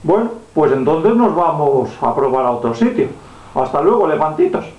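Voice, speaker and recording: Guy doing a friendly kids story superhero, gentle n reassuring, bit high, dull roomy recording. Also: sing-song, moderate pace. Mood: encouraging. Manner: gentle, reassuring, simple talk to a child. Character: friendly flying male superhero helping a lost little girl. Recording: dull, echoey home room recording.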